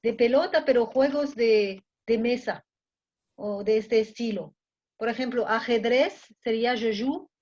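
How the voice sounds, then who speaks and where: A woman's voice: fairly high pitch, measured pace, a little mellow. A woman with a Mexican accent teaching a French class in Spanish, often checking that students follow. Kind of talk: online class lecture. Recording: muffled lo-fi audio.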